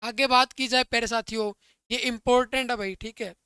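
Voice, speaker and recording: A man leads an online exam-prep grammar lesson in a bright, crisp voice that sits high for a man. He calls his listeners brother and dear friends and keeps asking whether everything is clear. The sound is dry, with no room echo. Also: steady tone, brisk. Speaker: Hindi grammar teacher.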